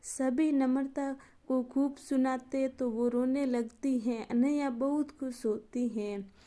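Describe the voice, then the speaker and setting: A woman narrating a moral storybook tale in an even, unhurried scripted reading. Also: sits high.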